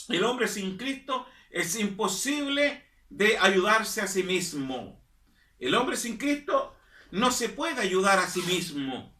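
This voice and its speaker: A man's voice: high-pitched, big pitch swings, slow pace, sharp tone, recorded from a distance. A man preaching a sermon as pastor, stressing and repeating his phrases and calling the listeners brother. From Chile. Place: church hall. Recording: echoey room, voice from off-mic.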